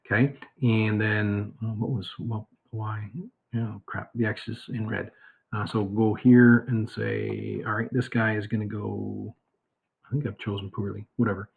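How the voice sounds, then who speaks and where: A man's voice: lowish voice, level tone, a little slow, creaky, breathy edge. A male math teacher giving a casual recorded lesson from home, rambling with many fillers and asides. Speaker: high school math teacher. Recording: tinny phone-like audio.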